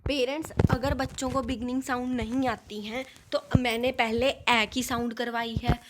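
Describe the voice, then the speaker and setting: A woman teaching young children their letter sounds, slowly sounding out and repeating each one. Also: on the high side, level tone, heavy background noise. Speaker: kindergarten English teacher. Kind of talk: phonics lesson for young children.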